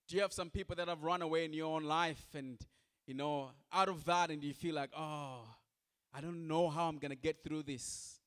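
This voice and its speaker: A male pastor delivering a sermon in a slightly higher-than-usual voice. He speaks in short, repeated phrases and turns often to the congregation with direct questions.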